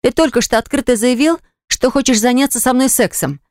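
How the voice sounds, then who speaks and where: A woman voicing a frightened young woman who talks in a shrill, pleading way, pitched well above her own voice. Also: brisk, darkish tone, no echo, studio quality. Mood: alarmed.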